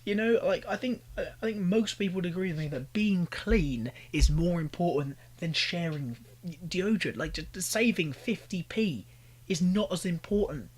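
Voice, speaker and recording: Exasperated husky British man ranting. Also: high voice, moderate pace, a little mellow. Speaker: commentary YouTuber. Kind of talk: reaction commentary.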